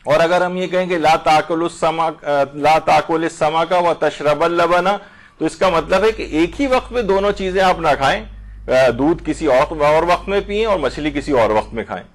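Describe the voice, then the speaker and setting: Pakistani urdu accent, guy teaching a religious lesson, voice kinda high, explains step by step, drags out arabic phrases slow. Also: animated. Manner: explanatory, recites Arabic phrases slowly to show vowel changes. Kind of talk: lecture on Islamic jurisprudence.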